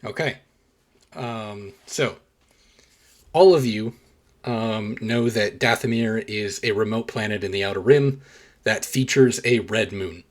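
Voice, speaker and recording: A man narrating a tabletop role-playing game as game master. His voice sits fairly low, and he stops often on hesitant fillers while describing the scene. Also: takes it slowly, long pauses. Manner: frequent hesitant "um"s.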